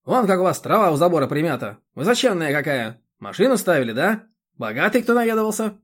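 A man reading an audiobook, voicing a short, stout, rude elderly village chairwoman who scolds and yells. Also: very animated, quick pace. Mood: scolding. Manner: shrill scolding, yelling.

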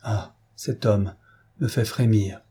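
A man's voice: lowish voice, fairly even intonation, slow, warm tone, slightly rough, full character voice. A man voicing a frightened, distraught young woman who speaks in breathless, gasping cries in a read-aloud novel. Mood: shaken.

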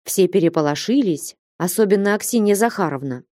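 Mellow-voiced woman reading a novel. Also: medium pitch, lively intonation, brisk, dry recording, studio quality. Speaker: audiobook narrator. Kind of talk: scripted narration of classic prose.

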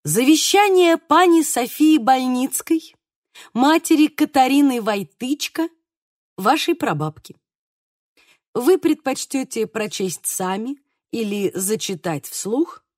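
A woman voicing an excitable, solemn man who reads a will aloud and takes offence easily. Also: sits high, slow, no echo, clean studio sound, heavily acted. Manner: solemn reading, bursts of indignant shouting.

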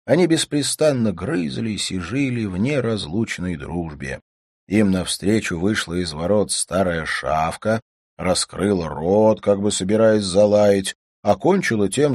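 A low-voiced man reading a classic novel aloud, his delivery lively and expressive, rising and falling with the story. The recording is dry and close. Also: husky, dry recording. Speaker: audiobook narrator. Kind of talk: audiobook narration.

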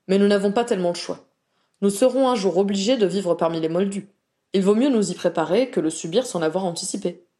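A woman voicing a calm, reasonable fatherly wizard who explains things steadily. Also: medium pitch, a little fast, natural voice.

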